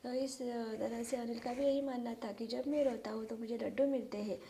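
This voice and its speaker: A woman's voice: fairly high pitch, warm tone, slight background noise. A woman teacher who retells a story for her pupils and stops often to explain words and idioms.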